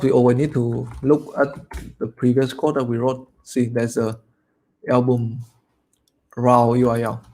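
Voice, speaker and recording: In a laid-back live coding tutorial, the host, a man who grew up speaking Vietnamese, mumbles his thoughts aloud as he writes code, full of fillers. His darkish voice sounds worn down, low, and tired from all the talking.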